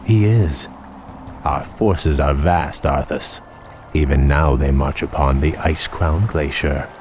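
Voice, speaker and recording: Aloof elf prince for fantasy game: very deep, formal, taunting, faint noise behind. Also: male voice, slow, a little mellow. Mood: cool taunting. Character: proud male elven prince, vengeful and cool.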